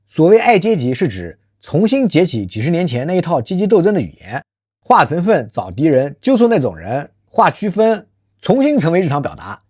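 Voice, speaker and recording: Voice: mid-range voice, wildly swooping pitch, fairly quick, darkish tone, slightly rough, no room sound, studio quality. A channel host delivering a scripted social commentary monologue, rhetorical and emphatic, often posing questions to listeners. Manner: calls self by nickname in third person.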